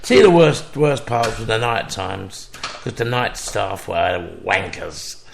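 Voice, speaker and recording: Gravelly, animated man. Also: fairly low pitch, slow, slight background noise. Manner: crude, sweary, animated storytelling. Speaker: storyteller in a chat. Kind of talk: casual chat.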